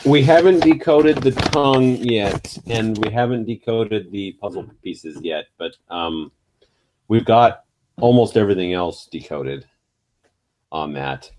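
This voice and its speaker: Male, forties, slightly low voice, casual conversation, some background noise and clicks. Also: unhurried. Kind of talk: casual chat.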